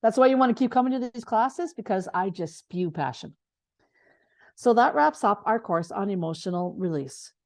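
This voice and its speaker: Mellow-voiced woman, passionate and rambling. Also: mid-range voice, lively intonation, normal speed. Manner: passionate, rambling, stumbles over words. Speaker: essential oils class co-teacher. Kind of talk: casual online class.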